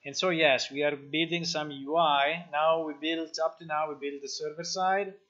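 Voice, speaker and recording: In dull lo-fi stream audio, an Italian game developer with an Italian accent chats while building a game live, thinking aloud and frequently using fillers and restarts. His voice is a little high, fairly bright, and steady in tone, at normal speed.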